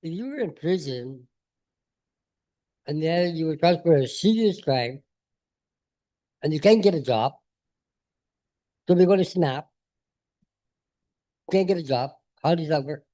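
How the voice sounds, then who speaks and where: A man in his late fifties speaks up from the audience, pressing his point and circling back to it again and again. His voice sits fairly high for a man, with a dark, mellow tone. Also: expressive, measured pace, long pauses. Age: 50s. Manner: insistent, emphatic, repeats himself. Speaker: audience member asking a question. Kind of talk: public Q&A question.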